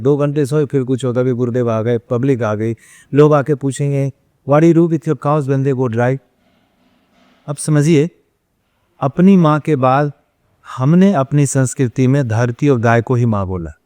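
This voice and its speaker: With a mellow, mid-range voice recorded without echo, a man who runs an ashram cow shelter shares anecdotes during a relaxed interview. Storytelling is his mode: he acts out the questions people pose and the answers he gives, sprinkling in English phrases.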